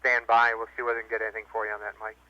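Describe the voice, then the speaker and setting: A man's voice: lowish voice, monotone, rapid-fire. A man at mission control speaking matter-of-factly over a radio link, relaying technical instructions to a crew. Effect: radio transmission. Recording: muffled radio link with clear static noise.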